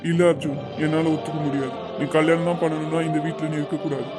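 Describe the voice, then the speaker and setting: A man's voice: a little high, flat delivery, fast, music in the background, lightly acted. Man doing a stern angry father. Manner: scolding and harsh.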